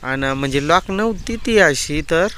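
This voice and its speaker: Man, village vlogger, casual and chatty, slightly high voice, outdoors with faint noise. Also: animated, measured pace, bright, forceful tone. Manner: chatty, points things out to viewers. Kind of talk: casual vlog narration. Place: outdoors on a farm.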